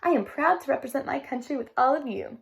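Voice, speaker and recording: A woman's voice: sits high, expressive, fast, creaky. A woman voicing a shy young schoolgirl in a storybook read-aloud. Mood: nervous proud. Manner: upset, pleading.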